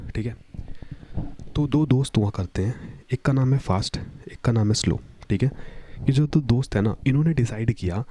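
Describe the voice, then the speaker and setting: Young male tutor, relaxed and chatty, lowish warm voice, screen-recording lesson feel. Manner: chatty, storytelling with repeated "ठीक है". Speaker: coding tutor. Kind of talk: casual explainer lesson.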